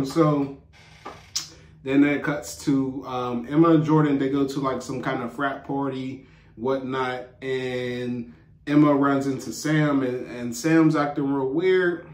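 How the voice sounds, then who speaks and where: A man's voice: mid-range voice, fairly even intonation, slow. A man giving a casual, rambling, slang-filled recap of a TV episode as a show reviewer. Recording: roomy echo.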